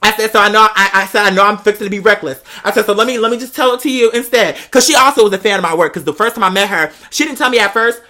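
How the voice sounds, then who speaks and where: Speaking rapid-fire with few pauses in a medium-pitched voice, a female host shares a personal story. She's sassy and dramatic, using animated slang, swearing, and calling the listener "girl" again and again.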